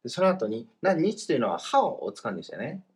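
A man teaching Chinese grammar in a casual, explanatory lesson, slowing down for the example phrases. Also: medium pitch, wildly swooping pitch, a little hiss or hum. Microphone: voice message recording.

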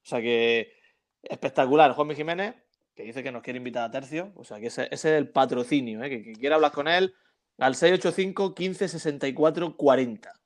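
Casting note: man, chatty storyteller, medium pitch, casual football podcast co-host. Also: a little fast. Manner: chatty storyteller, frequent tag questions.

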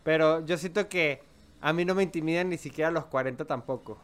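A man's voice: a little high, fairly quick. A Venezuelan man in his thirties co-hosting a podcast, joking and self-mocking in slangy casual chat. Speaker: podcast co-host.

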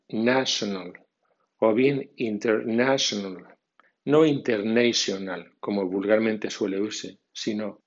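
Slow, gravelly male language teacher. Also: lowish voice, dull audio. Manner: slow, deliberate reading of word lists and rules. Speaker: English pronunciation teacher. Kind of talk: scripted pronunciation lesson podcast.

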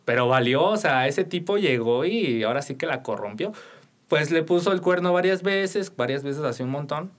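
A man's voice: fairly high pitch, animated, normal speed. A young man with a Mexican accent, co-hosting a casual podcast chat and telling a rambling story full of fillers. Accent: Mexican Spanish. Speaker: radio podcast co-host.

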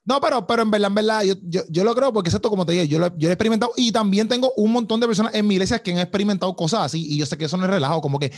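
A man's voice: high voice, rapid-fire, hardly any pauses. A man in casual chat, eager and emphatic, often repeating himself. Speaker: conversation partner.

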